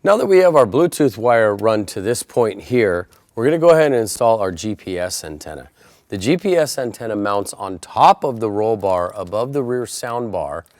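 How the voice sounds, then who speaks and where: This installation tutorial is delivered by a man with a fairly low, slightly mellow voice that is very animated, at normal speed. He explains each step in turn, methodically and plainly.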